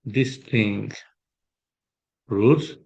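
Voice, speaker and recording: A man working through an exam problem as a math tutor, thinking aloud with pauses and fillers. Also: lowish voice, vocal fry, a little mellow. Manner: slow, hesitant, thinking aloud while sketching. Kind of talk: exam solution walkthrough.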